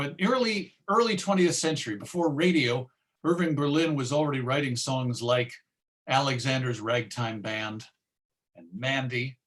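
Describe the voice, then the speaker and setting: An American man gives an informal, conversational history lecture, placing deliberate emphasis on his words. His voice is mid-range and slightly bright.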